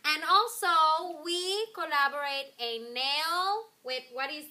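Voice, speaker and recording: A woman's voice: high voice, slow pace, bright, forceful tone, exaggerated voice. A young woman playing a gushing, flamboyant infomercial saleswoman, giving an exaggerated hard sell with words mixed in. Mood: excitable sales pitch. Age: young adult. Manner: gushing, exaggerated, drawn out, mixing in Spanish words. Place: classroom with whiteboard.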